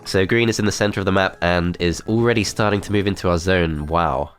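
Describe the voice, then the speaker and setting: A gameplay commentator with a cold calmly talks through his moves in a strategy game let's play, thinking aloud methodically. His voice sits low and sounds nasal and congested from a blocked-up nose. He speaks fairly quickly over soft background music.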